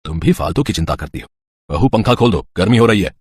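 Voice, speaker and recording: A man voicing an easygoing older husband in a cartoon, talking in a calm, coaxing way. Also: sits low, fast talker, slightly rough, no echo, studio quality, pitched below the performer's own voice, full character voice.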